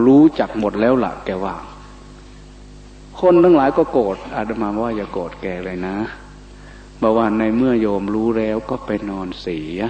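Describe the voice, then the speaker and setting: Older male monk, sermon storytelling, echoey hall, dull sound, faint noise. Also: lowish voice. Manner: animated storyteller, acts out quoted voices, slips into Isan dialect. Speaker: Buddhist monk giving a dharma talk.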